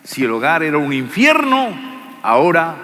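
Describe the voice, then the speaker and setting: A man's voice: on the high side, huge pitch swings, unhurried, in a large hall, noisy background. A man preaching a Bible lesson, repeating phrases emphatically and speaking to the listener as a friend.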